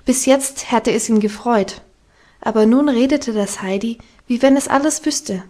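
A woman narrating a classic children's novel as an audiobook, with calm, even storytelling. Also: a little high, a little slow. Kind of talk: scripted narration.

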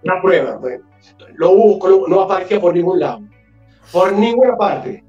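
A man from Galicia, Spain, a guest telling an anecdote in an animated way and acting out the dialogue. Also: high voice, moderate pace, distant mic, lo-fi sound, faint music behind. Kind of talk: storytelling anecdote.

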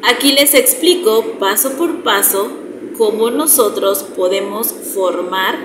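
A woman with a Mexican Spanish accent, a primary school teacher, summarizing the day's class slowly and directly for her pupils. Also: on the high side. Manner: slow, explanatory, addresses pupils directly. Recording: roomy echo with clear background noise.

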